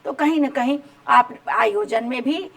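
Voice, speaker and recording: High-voiced woman teaching a class. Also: a little slow, creaky. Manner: repeats rhetorical questions, checks understanding. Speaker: home science teacher. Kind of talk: exam-prep lecture.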